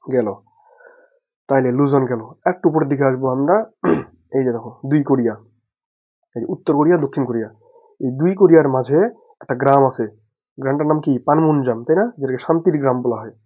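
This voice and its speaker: A man's voice: mid-range voice, quick pace, long pauses. A man teaching a geography lesson for exam study from a map, asking questions and answering them himself. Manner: has the listener say names aloud. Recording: dull lo-fi recording.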